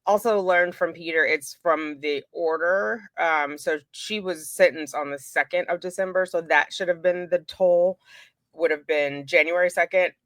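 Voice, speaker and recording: A woman's voice: fairly low pitch, steady tone, moderate pace, no echo. A woman doing casual true crime commentary for her viewers, chatty and informal, breaking off into asides as she walks through documents.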